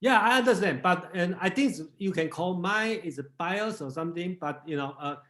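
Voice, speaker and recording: A man from Taiwan leads a casual group discussion in a high, fairly bright voice at a moderate pace. While thinking he often repeats words and says "okay."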